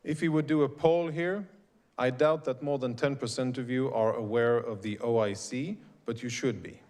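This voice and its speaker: A middle-aged man from Sweden, an invited speaker delivering a prepared speech to a live audience in a deliberate, emphatic way. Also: mid-range voice, fairly even intonation, a little mellow.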